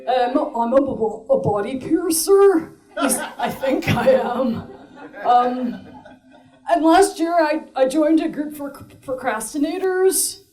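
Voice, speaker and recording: A woman's voice: high-pitched, animated, slow pace, dark tone. A woman playing a spacey young man who works as a body piercer, hesitant and rambling, in a stage show. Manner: hesitant, rambling, full of ums.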